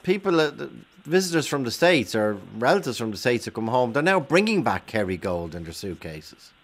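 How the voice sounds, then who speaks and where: A man's voice: medium pitch, big pitch swings, fairly quick. Irish male phone-in host, probing. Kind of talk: casual interview chat.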